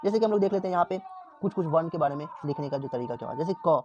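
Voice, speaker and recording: A man's voice: on the high side, animated, very fast, a little mellow, lo-fi sound, slight background noise. A male teacher giving a classroom lesson. He repeats words and asks the class questions, then answers them himself.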